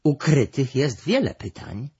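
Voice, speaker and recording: A man reading a storybook aloud, voicing a curious, puzzled male cat in a high, wondering voice, in a dull lo-fi recording. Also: sing-song, unhurried, warm tone, breathy edge, heavily acted. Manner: wondering, questioning.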